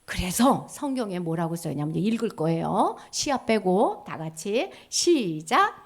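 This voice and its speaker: A woman giving a children's sermon. She asks the kids questions and swings between loud exclamations and hushed whispers. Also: mid-range voice, big pitch swings, normal speed. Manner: speaks directly to children, asking them questions. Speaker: children's ministry preacher.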